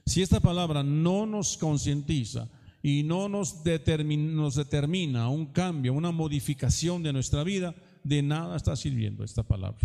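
A man's voice: a little high, normal speed, vocal fry, dark tone. A man preaching a sermon in earnest tones, often turning to ask the congregation questions. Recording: long hall reverb.

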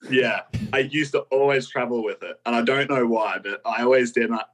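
A man's voice: mid-range voice, brisk. A man chatting casually as a podcast guest, with slangy, laid-back phrasing. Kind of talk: casual chat.

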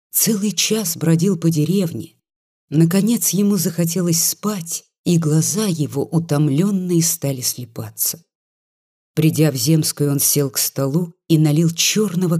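A reader narrating a literary short story in a steady storytelling manner. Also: mid-range voice, breathy edge. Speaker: audiobook reader.

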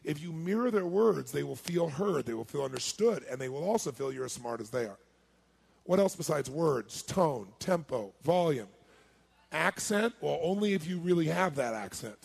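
A man giving a sales seminar, firing rhetorical questions at his audience and swinging between loud and hushed delivery. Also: fairly high pitch, expressive, moderate pace, creaky, slightly rough. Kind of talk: live seminar talk to an audience.

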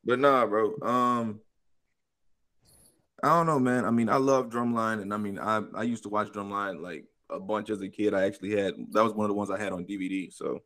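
A man's voice: fairly low pitch, fairly even intonation, brisk, fairly bright tone. Bro-talking American man, casual podcast banter. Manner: laid-back frat-bro talk, addressing others as bro. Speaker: podcast host.

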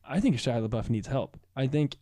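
A man's voice: mid-range voice, animated, moderate pace, warm tone, no echo, studio quality. Young man telling rambling, joking stories. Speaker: podcast host. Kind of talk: casual podcast chat.

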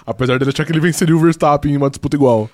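Fast-talking young Brazilian co-host. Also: male voice, fairly high pitch, darkish tone. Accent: Brazilian Portuguese. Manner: quick, dry agreeing remarks. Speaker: co-host of a racing live stream. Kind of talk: casual live-stream chat.

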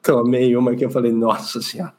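A Brazilian man co-hosting a podcast, sharing an anecdote in a relaxed, casual way. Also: medium pitch, a little fast, slight background noise. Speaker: podcast co-host. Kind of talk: casual chat.

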